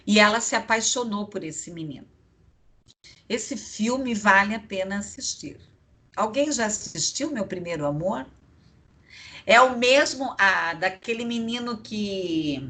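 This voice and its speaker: A woman lecturer talks her students through a psychology class at an unhurried pace. Her voice is bright and forward, and she drifts into chatty asides. She keeps tagging her sentences with quick checks to the class. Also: mid-range voice. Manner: chatty, digressive, tag questions.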